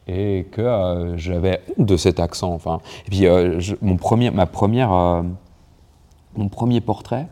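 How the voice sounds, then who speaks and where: In an interview on language, a young French writer and poet speaks in a low-pitched, warm voice with a neutral Parisian accent. He's hesitant, frequently restarting and leaning on fillers.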